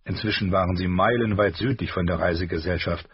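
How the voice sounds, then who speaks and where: A man reading a fantasy audiobook with expressive storytelling. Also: sits low, brisk, slightly rough, no echo, lo-fi sound. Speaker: audiobook narrator. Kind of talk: scripted fantasy audiobook narration.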